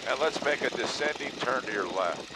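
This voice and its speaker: A man's voice: mid-range voice, lively intonation, fairly quick. Through a heavy roar of engine and wind comes a man teaching someone to fly. He raises his voice in the open cockpit, yet stays casual and encouraging. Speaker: flight instructor. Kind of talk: casual in-flight instruction. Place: open cockpit biplane in flight. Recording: very loud engine and wind noise. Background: aircraft engine roar.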